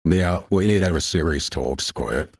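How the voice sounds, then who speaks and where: A man's voice pushed extremely low by a deep pitch-shifting voice changer, with a husky grain. He talks on a call like a pompous, threatening self-styled lawyer, circling back over the same points. The sound is close and dry. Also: moderate pace, dry recording. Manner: pompous, threatening, repeats himself. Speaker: caller posing as a lawyer. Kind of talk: call on a voice chat.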